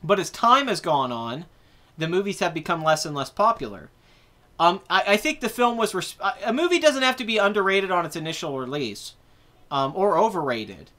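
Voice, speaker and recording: A man's voice: high-pitched, very animated, normal speed, sharp tone. A man in his twenties hosting a casual live chat about movies, rambling and correcting himself as he answers viewer comments. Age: 20s. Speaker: host.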